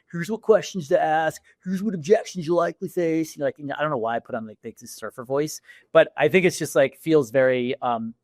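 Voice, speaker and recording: A man on a podcast talking about selling in casual, animated speech, often restarting sentences and acting out sample lines. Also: mid-range voice, no echo, studio quality. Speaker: podcast guest, sales executive. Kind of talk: casual interview talk.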